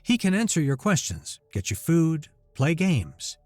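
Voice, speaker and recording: A man voicing a formal, guarded alien empress who speaks in measured, stately cadences. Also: fairly high pitch, very animated, a little mellow, dry recording, faint music behind, pitched above the performer's own voice.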